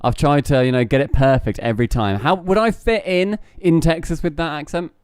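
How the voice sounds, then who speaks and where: Smooth-voiced man teasing on a podcast. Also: fairly high pitch, a little fast, dry recording, studio quality. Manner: joking, teasing banter. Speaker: podcast host. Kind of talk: casual podcast chat.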